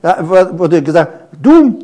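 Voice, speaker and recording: A middle-aged male preacher in full sermon. His voice sits high and leaps up and down, lively and expressive. He draws the congregation in with questions and stories from his own past. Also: moderate pace. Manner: animated, asks the congregation many questions; tells personal stories.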